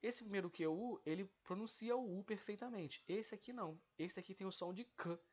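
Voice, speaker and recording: A man's voice: high-pitched, a little fast, dull audio. A male teacher giving a grammar lesson, explaining step by step and drawing out the example words he is breaking down.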